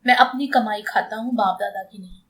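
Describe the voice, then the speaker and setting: A woman's voice: a little high, a bit bright, natural voice. Woman voicing a grave young husband. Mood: mocking. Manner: grave, measured. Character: serious young husband, calm and firm.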